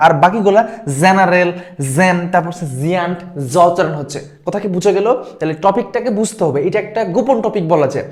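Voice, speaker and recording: A man teaching an exam-prep lesson, repeating words and checking in with his students. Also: high voice. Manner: quick, repeats words, asks "ঠিক আছে?". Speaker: admission test tutor.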